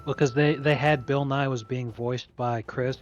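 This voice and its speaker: Co-host: mid-pitched man, eager and profane, recapping stories over faint game music. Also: fairly even intonation, a little slow, dull audio. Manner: enthusiastic, profane storyteller. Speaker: streamer co-host. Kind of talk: casual chat over gameplay.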